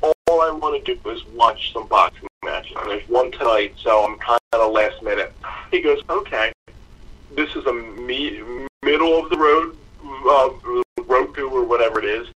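A man's voice: mid-range voice, moderate pace, a bit bright, breathy edge, recorded from a distance, low-quality recording. A man co-hosting a fight podcast, telling a long self-mocking story in casual chat. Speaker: podcast co-host.

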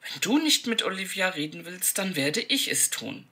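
A woman's voice: fairly low pitch, very animated, a little slow, bright, forceful tone, breathy edge, exaggerated voice. A woman voicing a brave, caring seventeen-year-old girl who speaks urgently and with indignation. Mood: indignant.

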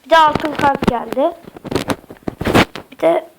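A high-voiced woman with a slightly sick voice narrates a casual gameplay tutorial. She is chatty and hesitant, filling gaps with "uh" and turning to her viewers as friends. A clear hiss and mouse clicks run under her home desk-mic recording. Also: takes it slowly. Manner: keeps addressing viewers as friends, chatty and hesitant with many fillers. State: slightly sick voice with occasional coughs. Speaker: Minecraft tutorial YouTuber.

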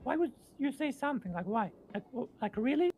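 A woman's voice: high voice, lively intonation, brisk, darkish tone, a little hiss or hum. A woman giving emphatic, instructional improvised role-play talk, checking for agreement, in a streamed game clip. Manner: emphatic, repeats "right" for agreement. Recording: streamed clip with music behind.

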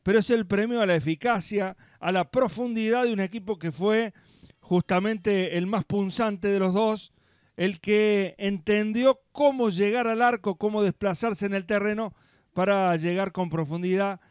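A man giving measured, analytical comments alongside a live youth football broadcast. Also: high-pitched, smooth, no echo, studio quality. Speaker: match analyst.

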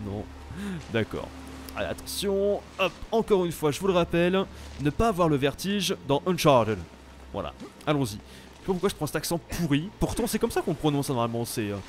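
A young French man giving casual, animated commentary while playing a video game, exclaiming at the action. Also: a little high, a little hiss or hum. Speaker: let's play host.

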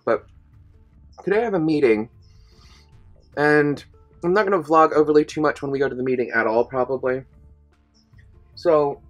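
Chatty woman rambling into her vlog camera. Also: very deep voice. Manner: chatty, rambling, self-deprecating. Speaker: vlogger. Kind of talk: casual diary vlog to camera.

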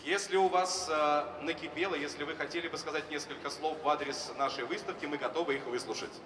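A middle-aged man hosting a ceremony speaks quickly in a fairly high voice with fairly even intonation, offering formal announcements in short phrases. He's on a large exhibition hall stage using a handheld mic through the PA, heard distantly with echo and music behind.

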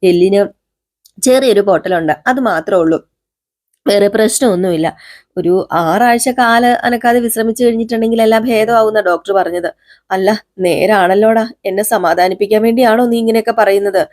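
A woman's voice: mid-range voice, brisk, darkish tone, no echo, studio quality. A woman casually recapping a TV serial episode, chatty and quoting the characters in her own voice. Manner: chatty, quotes characters in her own voice, frequent "ട്ടോ" fillers.

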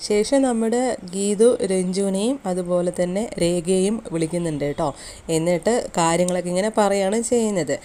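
A woman's voice: fairly low pitch, moderate pace, warm tone, slight background noise. A woman chattily retelling the latest episode of a TV serial in a casual, conversational way. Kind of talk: casual spoken episode recap.

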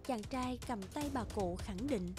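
A woman narrating a fairy-tale cartoon in a gentle, even storytelling delivery. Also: on the high side, unhurried. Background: loud background music.

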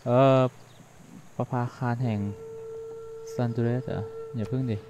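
Fast-chatting man narrating his gameplay. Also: mid-range voice, fairly even intonation, mellow, a little hiss or hum. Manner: quick, chatty thinking aloud; translates game text on the fly. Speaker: gaming channel host. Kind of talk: casual let's-play commentary.

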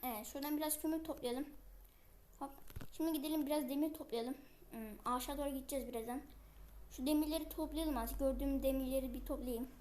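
A woman giving casual gameplay commentary, chatting to viewers with many fillers and speaking a bit loudly on purpose. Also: high-pitched, fast, a little hiss or hum.

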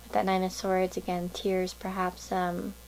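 A woman's voice: fairly low pitch, completely flat delivery, a little slow, creaky, a little hiss or hum, rough recording. A woman giving a casual pick-a-card tarot reading to viewers, musing and thinking aloud in a meandering way.

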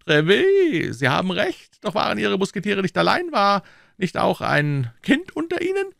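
A shrill, excitable king. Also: moderate pace, gravelly, dry recording, clean studio sound, heavily acted. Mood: excited. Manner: high, shrill, eager and imperious. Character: excitable proud male king.

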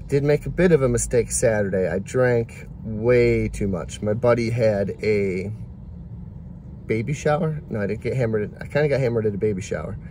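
A man's voice: mid-range voice, a little mellow, a little hiss or hum. Man in his forties vlogging from car. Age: 40s. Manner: candid, self-reflective, rambling. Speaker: delivery driver vlogger. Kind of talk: casual reflective vlog talk. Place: inside a parked car. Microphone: phone camera at arm's length.

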